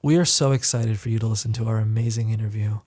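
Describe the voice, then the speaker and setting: A man's voice: lowish voice, quick pace. A man co-hosting a podcast, joking around playfully in casual banter and teasing his co-host. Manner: playful, jokey, animated storyteller.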